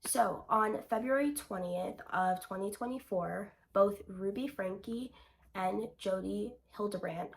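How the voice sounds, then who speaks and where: A woman talking straight to camera on her own channel, sick and breathing through her mouth, so she runs short of breath. Her delivery is blunt and opinionated, with casual swearing. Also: medium pitch. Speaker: channel host. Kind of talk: casual commentary vlog.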